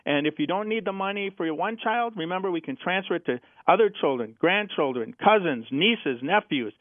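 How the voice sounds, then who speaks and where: An animated American man with a high voice explains money matters as a financial advisor on an interview show, at normal speed. His style is plain-spoken, full of examples and rhetorical questions, heard through echo-free but tinny phone-style radio sound.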